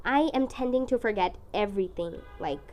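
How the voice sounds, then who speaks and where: A woman's voice: mid-range voice, a little fast, soft background music. A young woman with a congested, strained voice from the flu, chatting casually and expressively as she narrates her painting. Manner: expressive, dramatic, self-deprecating. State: sick with flu. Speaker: art vlogger.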